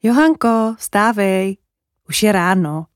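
A kind, gentle father from a storybook, read by a woman in her own voice. The sound is dry and close, without any room echo. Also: medium pitch, expressive, lightly acted. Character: kind father waking his daughter.

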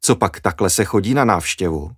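A kindly mother gently teases and welcomes visiting children, voiced by a male storyteller. The reader stays near his own low voice. The sound is close and dry. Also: expressive, breathy edge, no echo. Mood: welcoming.

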